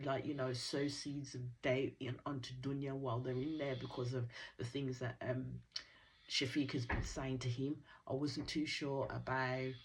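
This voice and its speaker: A woman recapping a reality show in a chatty, opinionated, slangy way. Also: low-pitched. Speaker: reality TV reaction host. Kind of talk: casual recap commentary.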